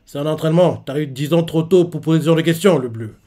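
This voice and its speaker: A man reading out a manga and voicing a stern male navy officer who talks down in a low, curt way. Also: fast talker, warm tone, lightly acted. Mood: dismissive.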